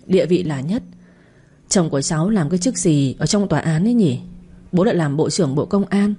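A woman's voice: deep voice, lively intonation, fairly quick, mellow, husky. A woman voicing a middle-aged aunt in a spoken story who brags and gossips. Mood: boastful. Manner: boastful, chattering.

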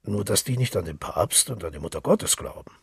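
Agreeable hesitant man, read by a man, low and husky. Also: lively intonation, a little fast, no echo, clean studio sound, full character voice.

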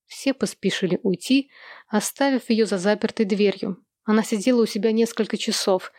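A woman narrating a literary novel as an audiobook, in a steady, even storytelling manner. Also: medium pitch, normal speed, dry recording, clean studio sound.

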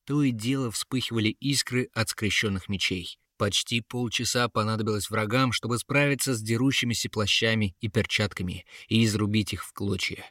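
A man narrating a fantasy tale in a steady, dramatic storytelling voice. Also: lowish voice, dry recording, studio quality.

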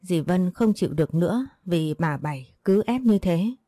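A woman reading a scripted story as narrator in an even, plain way. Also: on the low side, moderate pace, dry recording.

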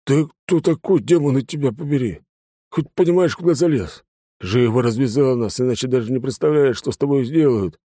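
A man's voice: mid-range voice, brisk, mellow, no echo, studio quality, voice pushed up, lightly acted. A man reading an audiobook, voicing a rude, threatening bandit who snarls at an intruder. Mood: snarling. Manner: gruff, snarling. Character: rough male bandit doorman, rude, threatening.

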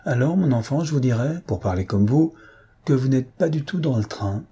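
A man voicing a gentle, affectionate elderly countess in a read-aloud novel. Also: mid-range voice, expressive, normal speed, slightly rough, voice pushed up. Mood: kindly.

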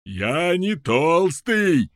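A gloating giant, voiced by a male audiobook narrator, draws out each threat loudly and heavily at an unhurried pace. The pitch is ordinary and close to an everyday voice, though with a strained, altered quality. The recording is dry and close, with no audible room.

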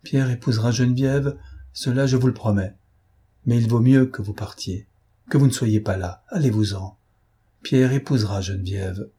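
A male audiobook reader voicing a grave, secretive noblewoman who speaks firmly and quietly. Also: medium pitch, moderate pace, slightly rough. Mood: tender. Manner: firm and hushed. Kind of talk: audiobook character voice.

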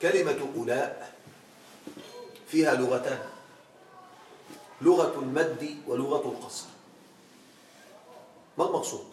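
A man teaching an Arabic grammar lesson in a classroom, quizzing his students with questions and stretching out words slowly for emphasis. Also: mid-range voice, darkish tone, a little hiss or hum. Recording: echoey room, from far off.

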